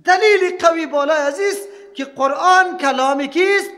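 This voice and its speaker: Afghan Dari-accented preacher, very high voice. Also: male voice, sharp tone, in a large hall. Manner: rhetorical questions, emphatic, lecturing. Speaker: Quran commentary teacher. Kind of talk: sermon-style Quran lesson.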